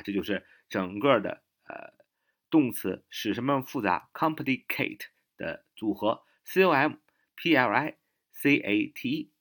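A man's voice: lowish voice, a bit bright. A man teaching English vocabulary, repeating each word and spelling it out letter by letter, with frequent filler particles. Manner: shifts to English and sounds out words slowly. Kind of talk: spoken vocabulary lesson.

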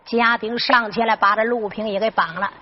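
A woman narrating a traditional Henan zhuizi folk story in a lively spoken-sung manner. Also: fairly high pitch, brisk. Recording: dull lo-fi recording.

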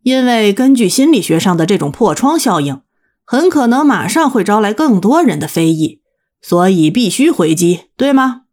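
A woman's voice: mid-range voice, big pitch swings, normal speed, darkish tone. A woman voicing a cocky young male student who taunts his teacher in front of the class in an audiobook. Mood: taunting.

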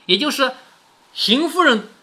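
A man's voice: extremely high pitch, measured pace. A man retelling a classic novel as a storyteller, mixing the reading with chatty commentary and rhetorical questions to the listener. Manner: animated, shifts between reading and chatty explaining.

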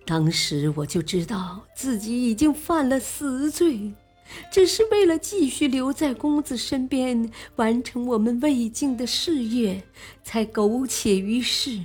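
A woman voicing a tearful old male courtier who pleads slowly to retire, in a storybook reading. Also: on the high side, animated, a little mellow, slightly rough, faint music behind, voice pushed up. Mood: remorseful. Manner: slow pleading lament.

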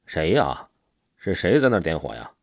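A man's voice: sits low, big pitch swings, normal speed, gravelly, dry recording, studio quality, voice pushed down, exaggerated voice. A man doing a bold young village butcher. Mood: calling out.

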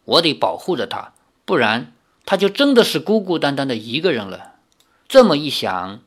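A man reading a novel aloud, telling the story expressively. His voice sits a little high and ranges widely in pitch. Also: a bit bright. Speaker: narrator.

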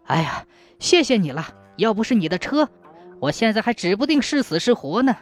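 A woman's voice: medium pitch, sing-song, moderate pace, faint music behind, close to an everyday voice. A woman voicing a frightened stonemason who talks in flustered exclamations. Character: frightened young man, a stonemason.

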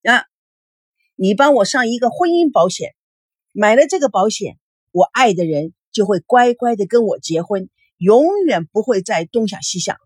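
A woman's voice: mid-range voice, expressive, normal speed, slightly rough, no echo, studio quality. A woman voicing a flustered young man who is hesitant and worried.

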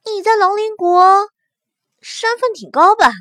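A woman acts out an aloof, sharp young woman with a bright, raised voice. She is cool but kind and teases lightly, told as a storybook. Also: very high voice, a little slow, no room sound, studio quality, pitched above the performer's own voice. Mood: curious teasing.

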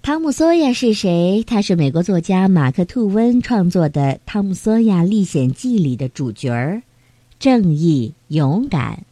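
A woman narrating a bedtime story for children in a gentle, storytelling way. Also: mid-range voice, no echo.

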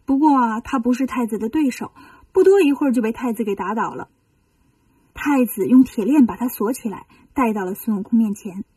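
A woman storyteller reading a children's story in a lively, expressive way. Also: fairly high pitch, a little fast, husky, dry recording, far from the mic.

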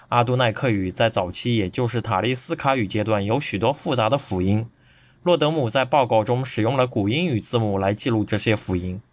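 A man presenting a scripted podcast lecture, reading steadily and evenly from his notes into a close microphone. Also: medium pitch.

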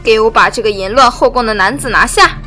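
A woman's voice: medium pitch, animated, unhurried, pushed and bright. A woman voicing a haughty young imperial consort who gives orders with open contempt. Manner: commanding, contemptuous. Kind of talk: audio drama acting. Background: music.

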